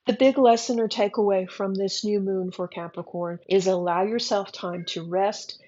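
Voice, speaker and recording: A woman's voice: medium pitch, fairly even intonation, moderate pace, mellow, lo-fi sound. A woman reading a horoscope forecast, chatty and encouraging with a wry edge. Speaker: astrology reader.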